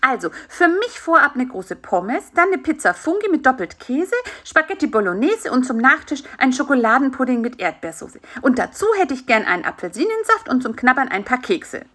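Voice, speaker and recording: A high, shrill little male fly who bosses everyone around, as a woman puts him on. His voice leaps up and down in bright, eager bursts. He sounds like a storybook pest who always wants more to eat. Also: brisk, few pauses, full character voice. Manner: high, excited and demanding. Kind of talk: children's audiobook voice acting.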